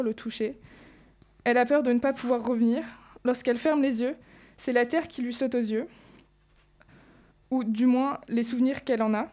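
A woman's voice: fairly high pitch, mellow. A teenage girl co-hosting a student show, reading and analysing her own poem with many hesitant fillers. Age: teens. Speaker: student co-host.

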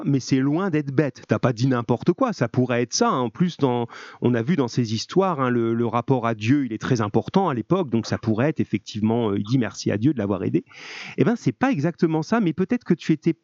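A man's voice: medium pitch, animated, a little fast, a little mellow, no room sound, dull audio. A male French teacher running a live call-in lesson with his students, speaking in a friendly, informal and encouraging way. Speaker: middle-school French teacher.

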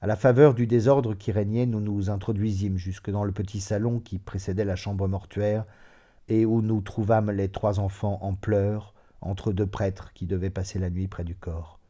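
A man reading a classic novel aloud as an audiobook narrator, in a measured storytelling manner. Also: lowish voice, fairly even intonation, warm tone. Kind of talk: scripted literary narration.

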